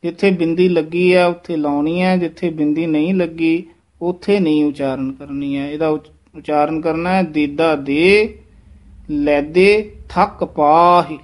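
A man teaching the correct pronunciation of scripture, slowly repeating and demonstrating each word. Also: on the high side, fairly even intonation, a little mellow. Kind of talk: pronunciation lesson.

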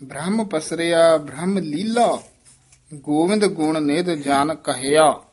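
A man teaching scripture recitation, who demonstrates each phrase slowly and then explains how to pronounce it. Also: a little high, a little mellow. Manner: slow, deliberate, demonstrates words then explains. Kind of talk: correcting pronunciation of recitation.

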